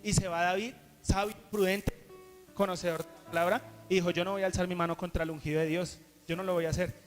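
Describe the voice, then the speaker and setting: A man's voice: high-pitched, level tone, fast talker. A man preaching a sermon, retelling a scripture story earnestly with frequent restarts. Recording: reverberant hall with soft guitar music.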